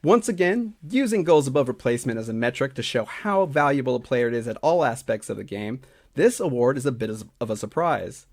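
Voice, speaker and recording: Guy reading off hockey stat awards from a script, mid pitch, steady, trips on a word now and then. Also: a little fast. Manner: steady, stat-heavy delivery with small slips and restarts. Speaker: hockey analytics writer and podcast regular.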